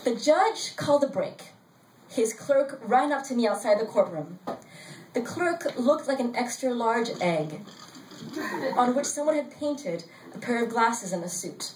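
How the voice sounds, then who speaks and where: An older woman reading her own story aloud at a live event, in a wry, deadpan storytelling manner. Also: a little high, a little slow, distant mic. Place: bar event space, indoors. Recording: roomy sound from off-mic, faint crowd noise.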